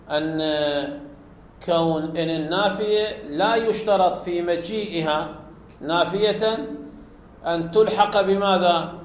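Guy teaching a grammar class, slow and stretched out on the key words, keeps asking questions, kinda high voice. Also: slight background noise. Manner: explains step by step, quizzes students with questions, stretches out key words. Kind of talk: classroom lecture. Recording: echoey room.

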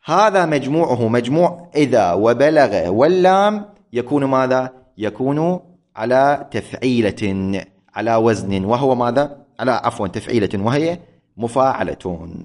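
A man giving a lecture on poetic metre, slowly chanting syllables and metre patterns and often correcting himself. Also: medium pitch, expressive, a little mellow. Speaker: teacher.

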